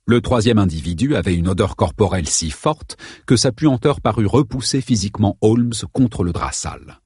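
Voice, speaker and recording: A man reading a novel aloud as an audiobook narrator, in a steady, measured way. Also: lowish voice, slightly rough, no room sound, studio quality.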